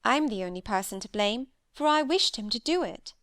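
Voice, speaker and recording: A reckless, sharp-tongued young lady, voiced by a woman narrator, pitched fairly high. She answers back boldly, swinging up and down in defiance, as in a classic novel reading. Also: animated, normal speed, dry recording, clean studio sound. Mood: defiant. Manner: defiant, provoking.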